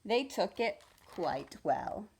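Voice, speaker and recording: A woman reads a children's storybook aloud the way a teacher would, with expressive, deliberate storytelling. Her voice sits at a medium pitch and has a breathy edge.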